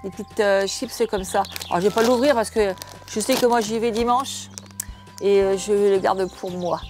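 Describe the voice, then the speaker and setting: An older woman talks through a food box in a relaxed, homely way, pausing and restarting as she goes. Her voice sits at an ordinary middle pitch. Soft music plays faintly underneath. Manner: chatty, homely, halting with restarts. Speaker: cooking channel host. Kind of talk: casual unboxing chat to camera.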